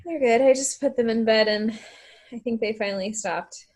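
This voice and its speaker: A woman on a team video call, a mother of twins, relaxed and laughing easily as she chats. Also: on the high side, normal speed. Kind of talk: casual video call chat.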